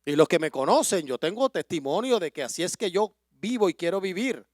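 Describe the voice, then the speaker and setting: A middle-aged pastor, preaching a sermon and telling a personal story with rising emotion and passion. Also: male voice, sits high, animated, brisk, dry recording, clean studio sound. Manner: emotional storytelling that builds to impassioned loud preaching.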